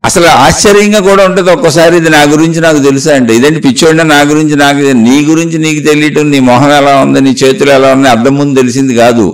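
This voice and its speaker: A man's voice: a little high, fairly even intonation, racing, hardly any pauses, distant mic. A man giving a spiritual talk, preaching earnestly through a string of repeated rhetorical questions. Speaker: spiritual speaker.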